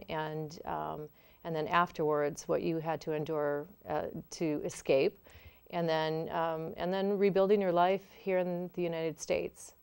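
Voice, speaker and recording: A woman's voice: lowish voice, darkish tone, clear, resonant tone. A woman hosting a talk show interview, gracious and somewhat hesitant, with frequent fillers.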